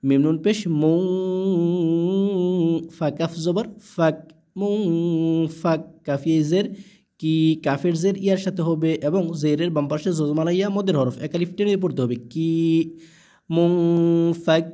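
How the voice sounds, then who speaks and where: A man gives a Quran reading lesson, spelling each word patiently and then stretching the recited syllables long. His voice sits a little high but sounds mellow and soft-edged. Between the words he explains the reading rules in a plain teaching tone. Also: unhurried, pauses often. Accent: Bangladeshi.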